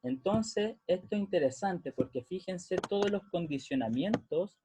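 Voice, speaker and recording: A man's voice: high-pitched, expressive, a little slow, mellow, slight background noise. A man explaining music theory patiently in a lesson, often checking that the listeners follow. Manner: patient, checks understanding with frequent "¿ya?". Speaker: music teacher.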